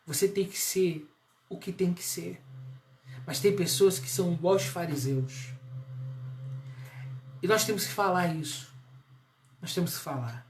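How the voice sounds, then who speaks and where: A man's voice: on the high side, reverberant, slight background noise. A man with a Brazilian Portuguese accent preaching a sermon, emphatic and full of rhetorical questions.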